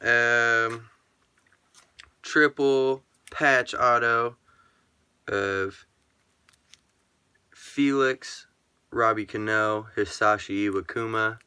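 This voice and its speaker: Guy slowly rambling about his card collection, lots of ums, smooth clear voice. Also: lowish voice, no room sound. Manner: rambling and relaxed, full of ums and uhs; talks to himself aloud. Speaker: sports card collector showing his cards. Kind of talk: casual vlog chat.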